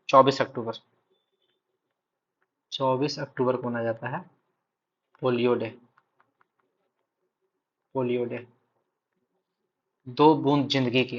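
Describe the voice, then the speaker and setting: Man, Bihar accent, exam-prep lecture, repeats key terms, mid pitch, dull lo-fi sound. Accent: Hindi speaker from Bihar. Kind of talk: recorded lecture.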